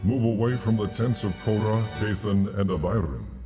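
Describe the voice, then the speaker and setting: An actor voicing God as a solemn divine male presence, with grave, measured pronouncements and faint music behind. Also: lowish voice, dark tone, lightly acted. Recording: muffled lo-fi sound.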